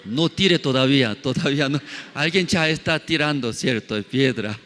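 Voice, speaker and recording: A male pastor preaching a sermon in halting, non-native Spanish, throwing many questions at his congregation and padding his phrases with fillers. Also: medium pitch, a bit bright. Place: church sanctuary. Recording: long hall reverb.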